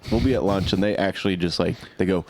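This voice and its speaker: A man's voice: deep voice, fast, a little mellow. A young man co-hosting a comedy podcast, rambling in casual chat and often laughing through his words. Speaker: podcast co-host.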